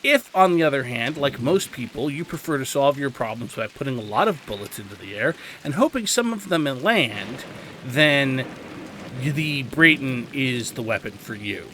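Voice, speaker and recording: A man hosts a video game guide, offering casual, instructional commentary that is explanatory and slightly wry. His mid-range voice is pushed and bright, with lively intonation at a normal speed. Video game ambience plays clearly in the background.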